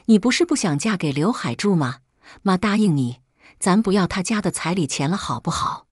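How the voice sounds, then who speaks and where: A woman's voice: fairly low pitch, lively intonation, normal speed, breathy edge, no echo, studio quality. A woman voicing a scheming middle-aged mother who coaxes and pleads with her daughter. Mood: coaxing. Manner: coaxing, pleading.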